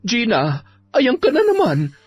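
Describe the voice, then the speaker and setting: A woman's voice: on the high side, wildly swooping pitch, unhurried, slightly rough, exaggerated voice. A woman voicing a tired, patient mother and long-suffering wife. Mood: weary. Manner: tired, soothing, pleading. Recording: dull audio, soft music behind.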